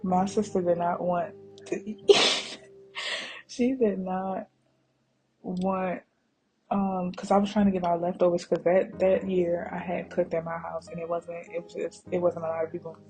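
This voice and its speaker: A woman's voice: on the low side, little pitch movement, unhurried, a little mellow, rough recording. Rambling, chatty woman cooking vlogger. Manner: chatty and rambling, drifts into side stories; laughs easily, addresses viewers as y'all. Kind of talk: casual voice-over narration of cooking footage. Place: voice-over added to kitchen footage. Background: background music.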